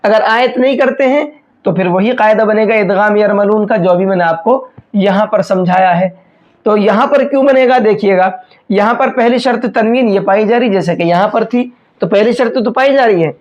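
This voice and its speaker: A man teaching a step-by-step recitation lesson. He explains each rule patiently, often checks that it is understood, and draws out slow examples. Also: sits high. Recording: dull lo-fi recording.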